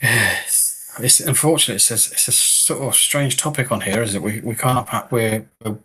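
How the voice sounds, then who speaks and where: Husky-voiced man hosting a live stream. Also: medium pitch, moderate pace, pushed and bright. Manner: chatty, greets viewers by name, reads comments aloud. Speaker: medium and live-stream host. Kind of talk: casual live-stream chat.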